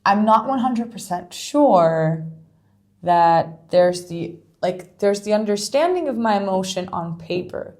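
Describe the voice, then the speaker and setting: A woman's voice: medium pitch, lively intonation, unhurried, a little mellow. A woman co-hosting a podcast in casual chat, a little tired, thinking aloud with lots of fillers. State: tired, yawning. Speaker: podcast co-host.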